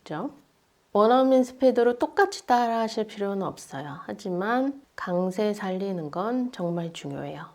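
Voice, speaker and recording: A woman's voice: mid-range voice, animated, darkish tone. Patient woman English teacher. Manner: patient explaining, models English phrases slowly. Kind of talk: language lesson explanation.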